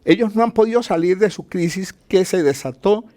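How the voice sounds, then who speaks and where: A man's voice: high voice, moderate pace, warm tone. A man speaking as an economist in an interview, explaining point by point and answering his own questions. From Colombia. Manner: didactic, poses questions and answers them, enumerates points.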